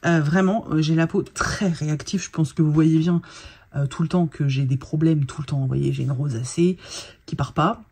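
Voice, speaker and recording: Husky, mellow-voiced woman vlogger. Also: on the low side. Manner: chatty, colloquial, lots of fillers and restarts. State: tired. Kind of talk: casual chat.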